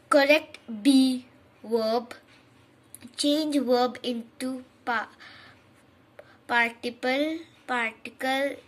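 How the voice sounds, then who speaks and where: Slow, hesitant woman teaching grammar. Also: high voice, fairly bright tone. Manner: hesitant, reads aloud with restarts and slips. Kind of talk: slow explanatory grammar lesson.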